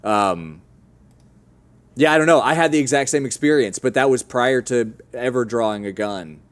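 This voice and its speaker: A man in casual podcast chat about a video game, voice at an ordinary middle pitch. He retells his playthrough with energy, slipping into quick impressions of the characters he met. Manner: animated storytelling, acts out game characters. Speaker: podcast co-host.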